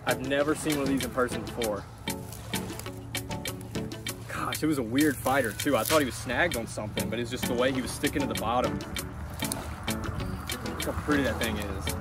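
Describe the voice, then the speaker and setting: A young man chats eagerly to his viewers while he fishes from a breezy shoreline. He talks into an action camera strapped to him outdoors, and clear music plays behind his voice. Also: medium pitch, fast. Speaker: fishing vlogger. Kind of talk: casual vlog narration. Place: outdoors on a windy shoreline by a bridge. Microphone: action camera on body and selfie camera.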